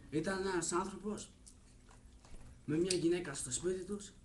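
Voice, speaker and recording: A young man telling crude jokes in a blunt, offhand way. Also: high voice. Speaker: joke teller. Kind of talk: casual joke telling. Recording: echoey room, faint noise.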